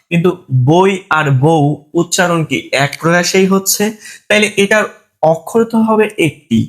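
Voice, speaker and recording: A man teaching a grammar lesson, asking his students questions and answering them himself. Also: high-pitched. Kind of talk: online lesson.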